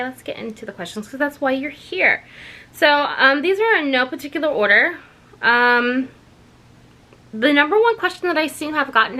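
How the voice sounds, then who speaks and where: A woman's voice: fairly high pitch, sharp tone. A woman in her thirties, a labor and delivery nurse, chatting casually to her vlog audience in a rambling, self-correcting way, tired after a night shift. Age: 30s.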